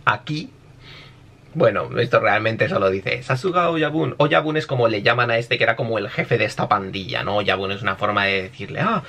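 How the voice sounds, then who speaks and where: A young man with a Spain Spanish accent giving casual, animated commentary, swearing offhandedly. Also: a little fast, creaky. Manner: animated, swears casually, mimics squeaky voices, laughs often. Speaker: YouTuber explaining Japanese.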